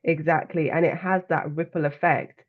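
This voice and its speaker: A woman's voice: low-pitched, fairly even intonation, moderate pace, narrow, tinny audio. A woman with a London accent, a guest author and coach, speaking earnestly and reflectively in a conversational interview. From London, England.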